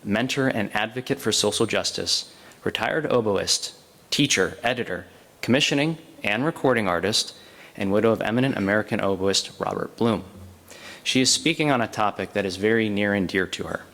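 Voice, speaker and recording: A man's voice: lowish voice, normal speed, a bit bright. A man hosting a historical society event, giving announcements and introducing the guest speaker, informal with many fillers. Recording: long reverb in a hall.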